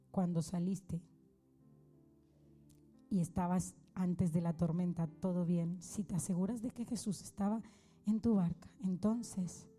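Mellow-voiced woman preaching a sermon. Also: lowish voice. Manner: conversational, with rhetorical questions, turning to fervent appeals.

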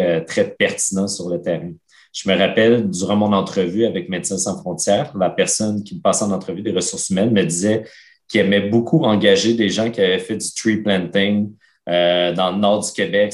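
A man with a Québécois French accent, an emergency operations director, giving interview answers and repeating words as he thinks. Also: sits low.

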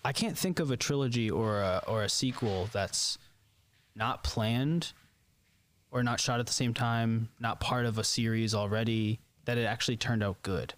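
A man's voice: on the low side, normal speed, a little hiss or hum. A man co-hosting a podcast, chatting casually about films with frequent restarts. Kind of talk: casual chat.

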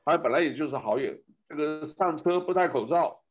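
A man's voice: a little high, fairly quick, muffled recording. A man giving a rambling casual commentary, speaking to his listeners and asking them one rhetorical question after another.

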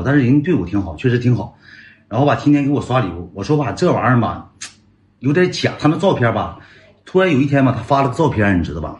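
A man's voice: mid-range voice, a little mellow, slight background noise. A man with a Northeastern Mandarin accent telling a comic personal story in a rambling way, repeating himself and calling his listeners brothers.

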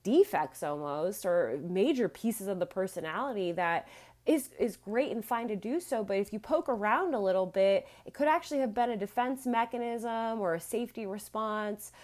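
A woman's voice: medium pitch, lively intonation, moderate pace, darkish tone. A woman hosting a solo wellness podcast, talking casually with frequent laughs, fillers and the odd swear word. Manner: laughs often, swears casually, talks with many likes. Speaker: podcast host and wellness coach.

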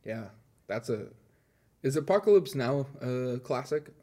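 A man co-hosting a church podcast, answering quiz questions with quick, upbeat guesses in casual chat. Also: medium pitch, expressive, mellow.

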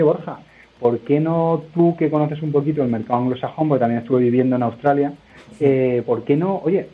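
A husky mid-range male voice comes through narrow phone-line audio. The speaker, a guest entrepreneur from Spain, rambles loosely and hesitates a lot while answering questions in a conversational interview.

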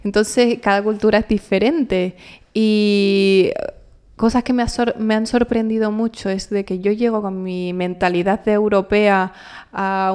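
Clear-voiced woman, thoughtful and expressive. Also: mid-range voice. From Canary Islands, Spain. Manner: expressive, thoughtful, trailing restarts. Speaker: actress, guest. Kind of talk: casual interview chat.

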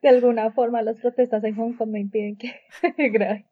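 Higher-voiced woman, wry casual podcast co-host. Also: fairly even intonation, moderate pace, no room sound, phone-quality sound.

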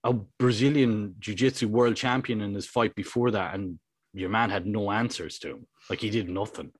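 A young man co-hosting a podcast in casual chat, animated and sweary, acting out quotes as he talks. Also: fairly low pitch, moderate pace, no room sound. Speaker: podcast co-host.

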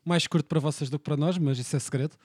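A young man hosts a podcast in European Portuguese, moving the talk along with wry asides. His voice is fairly high, and it is recorded close and dry with no room sound. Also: very fast, a little mellow, husky, dry recording. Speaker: podcast host. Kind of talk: casual chat.

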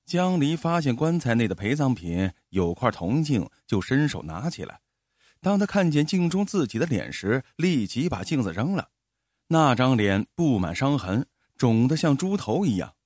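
Expressive male storyteller, dry close sound. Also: medium pitch, normal speed, no echo. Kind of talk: storybook narration.

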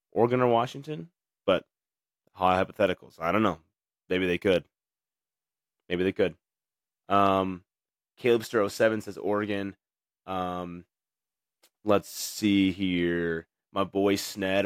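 A man's voice: sits low, no echo, studio quality. A young man hosting a casual sports talk show, reading viewer comments and rambling through his takes with many fillers and restarts. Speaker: podcast host.

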